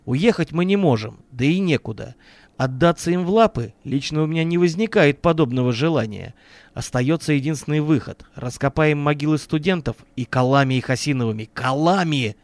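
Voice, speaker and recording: A man voicing a cool-headed male bodyguard in an audiobook, calm, firm and matter-of-fact. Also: on the high side, brisk, no room sound. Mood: insistent.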